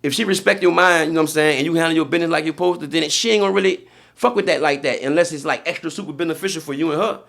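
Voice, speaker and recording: A young podcast guest with a New Orleans accent tells a story in casual streetwise slang, often dropping "you feel me." He talks very fast in a gravelly, fairly high, slightly bright voice.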